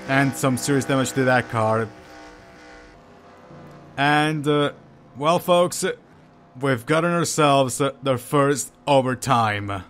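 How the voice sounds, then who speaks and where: A man giving live sim racing commentary, hesitant and full of fillers, unsure of the order and bursting into excitement at incidents. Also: medium pitch, slow, long pauses, faint music behind. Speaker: race commentator.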